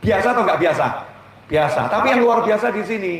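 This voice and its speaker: Speaking quickly in a high register, this man is a preacher from Indonesia giving a humorous sermon full of folksy Javanese asides and lively stories. He addresses a large hall at a religious gathering. The audio carries a little hiss or hum, echo, and faint ambience from a distant microphone.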